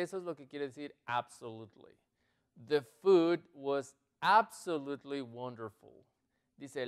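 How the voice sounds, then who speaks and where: A man teaching English in an online lesson, explaining slowly and repeating each example sentence. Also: fairly high pitch, clean tone.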